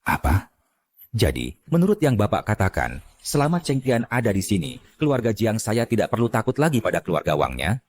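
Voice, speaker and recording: A man's voice: fairly low pitch, big pitch swings, fairly quick, a little mellow. A man dubbing a shrewd, confident middle-aged clan patriarch and father-in-law. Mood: probing. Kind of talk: dubbed drama acting.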